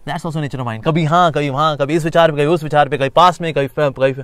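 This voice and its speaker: A man teaching a spiritual course, mixing Hindi and English, lively and explanatory, sometimes acting out inner voices with sing-song repetition. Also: a little high, a little fast, dry recording. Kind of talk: Gita lecture.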